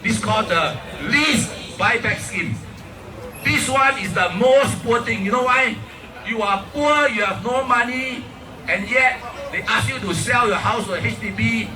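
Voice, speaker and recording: High-pitched Singaporean man addressing an echoey rally. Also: a little slow, recorded from a distance. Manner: colloquial Singlish phrasing with rhetorical questions. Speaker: protest rally speaker and emcee. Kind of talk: impassioned political speech to a crowd. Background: crowd and ambient noise.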